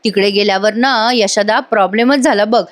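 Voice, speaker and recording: A woman narrating a voice-over recap of a TV serial episode, telling the story lively and speaking directly to viewers. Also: mid-range voice, normal speed.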